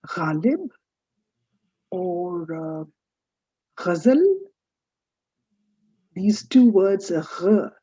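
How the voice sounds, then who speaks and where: A woman teaching French in a recorded lecture, saying each letter slowly and stressing its sound. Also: medium pitch, warm tone, breathy edge, no room sound, dull audio.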